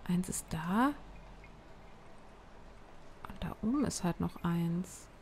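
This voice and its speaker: A woman's voice: on the low side, animated, slow pace, darkish tone. A woman giving casual let's play commentary, muttering and thinking aloud as she plays. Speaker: gamer, let's player. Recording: game sounds behind the voice. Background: noisy video game ambience.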